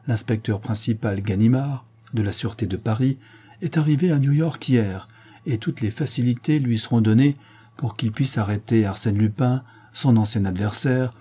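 A man narrating an audiobook in a steady, measured reading voice. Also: on the low side, slightly rough.

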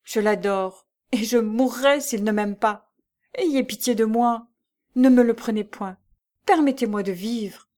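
Woman doing a jealous rich young lady from an old novel, cold and cutting, higher and pushier than the narration. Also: sing-song, normal speed, a little mellow. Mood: pleading. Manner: cutting, commanding, then pleading in tears.

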